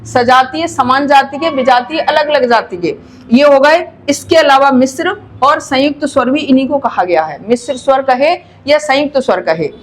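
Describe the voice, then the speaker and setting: A woman's voice: high voice, moderate pace, slight background noise. A woman teaching a Hindi grammar lesson in a patient, explanatory way, drawing out sounds to show how they are pronounced. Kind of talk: classroom-style grammar lesson.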